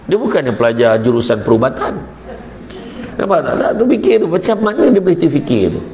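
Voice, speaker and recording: A man giving a religious talk, animated and repetitive, breaking into laughter as he tells stories. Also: fairly high pitch, a little fast. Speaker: preacher. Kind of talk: religious talk with humorous storytelling. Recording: echoey room with faint background noise.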